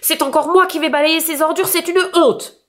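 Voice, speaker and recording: A woman's voice: medium pitch, big pitch swings, moderate pace, fairly bright tone, slight background noise. A woman voicing a grumpy, fussy male rabbit neighbor who scolds indignantly in a storybook reading.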